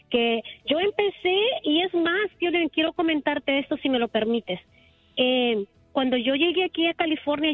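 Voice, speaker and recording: Lady calling in to the radio, chatty and earnest, highish voice, tinny phone line. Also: dry recording. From El Salvador. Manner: earnest, talkative, emotional storytelling. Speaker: caller, salon owner. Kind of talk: casual phone-in chat.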